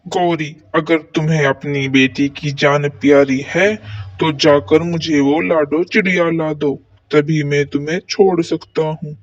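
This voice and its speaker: A woman's voice: low voice, fairly even intonation, unhurried, dry recording, dull audio, voice pushed down. A woman voicing a cruel male hawk villain in a cartoon, speaking in a menacing, demanding way.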